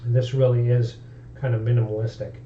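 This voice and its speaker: A man's voice: mid-range voice, flat delivery, fairly quick, dark tone, lo-fi sound, a little hiss or hum. A man streaming about tabletop games, talking casually and thinking aloud in an easygoing way. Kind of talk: casual live-stream talk.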